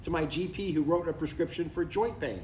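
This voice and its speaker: Slightly high and mellow, this natural-sounding older man's voice moves at a brisk clip. He's voicing a keen, headstrong retired dad at a live comedy table read, earnest and gently teasing. The audio is distant and echoey, with noise from the room.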